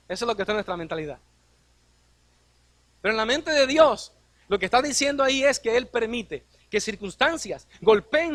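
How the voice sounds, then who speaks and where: A man's voice: extremely high pitch, a bit bright, dry recording. A man preaching a sermon as a pastor, posing rhetorical questions and acting out quoted dialogue.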